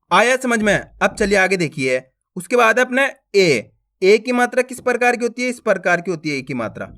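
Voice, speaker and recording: Guy teaching hindi syllables, says each one slow and loud, keeps asking if you got it. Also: high-pitched. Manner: slow, drawn-out syllable drills with questions to the viewer. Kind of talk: lesson on reading Hindi letters.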